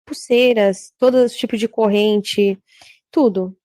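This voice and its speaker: A woman, a church worker giving a religious testimony in a halting, repetitive way. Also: mid-range voice, fairly even intonation, mellow, no echo. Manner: halting, repetitive, frequent filler tags.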